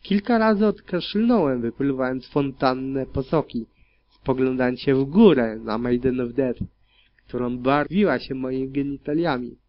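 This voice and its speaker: Male narrator, grim audiobook reading, steady delivery, lo-fi sound. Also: mid-range voice, moderate pace. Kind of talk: first-person audiobook narration of dark fan fiction. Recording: dull lo-fi recording.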